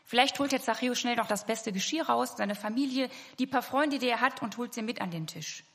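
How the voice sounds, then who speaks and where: A woman's voice: fairly high pitch, a little fast, gravelly, a bit bright. A woman preaching a sermon to her congregation, earnest and speaking to them directly. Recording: hall reverb.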